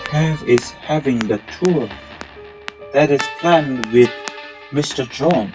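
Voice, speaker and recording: A man speaks slowly in a medium-pitched voice, performing a scripted amateur audio drama over instrumental music. His lines come out in formal, stilted English shaped by non-native phrasing.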